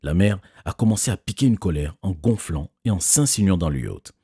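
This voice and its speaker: A man doing scripted first-person narration of an animated story. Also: low-pitched, a little fast, slightly rough, no room sound, clean studio sound.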